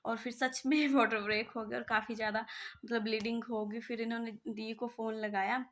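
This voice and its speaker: A woman's voice: a little high, level tone, fairly quick, a bit bright. A young woman vlogger telling a personal story casually, chatty and rambling with many fillers and restarts.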